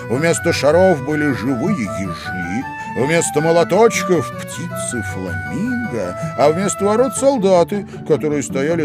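A man narrating a storybook in an expressive, dramatic reading. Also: medium pitch.

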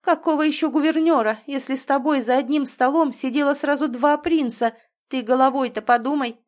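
Woman doing a sharp, scheming stepmother. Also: a little high, normal speed, natural voice. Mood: scolding. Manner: sharp, scolding and commanding. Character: scheming domineering stepmother, middle-aged woman.

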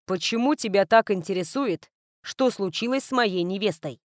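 A woman voicing a calm young male heir who speaks in an even, emotionless tone, read as part of a storybook narration. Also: mid-range voice, moderate pace, no echo, clean studio sound, lightly acted. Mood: cool, level.

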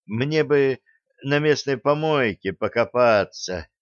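A man's voice: medium pitch, measured pace, a bit bright, clean tone, dry recording, lightly acted. A man voicing a nervous, timid male scientist in a sci-fi audiobook, raised a little above his own voice and talking hesitantly. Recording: dull lo-fi dry recording.

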